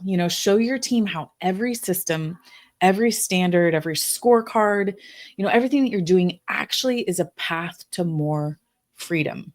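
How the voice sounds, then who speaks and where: A woman co-hosting a business podcast, talking casually with frequent "you know" fillers. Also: fairly low pitch. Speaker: podcast co-host.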